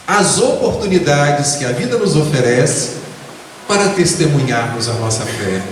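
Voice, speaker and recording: A man from the Baixada Fluminense, giving a spiritist lecture full of personal stories in an earnest, measured way. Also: distant mic, background noise. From Baixada Fluminense, Rio de Janeiro, Brazil. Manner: earnest, measured storytelling with lively pitch swings. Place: spiritist association lecture hall. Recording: echoey hall recorded from afar.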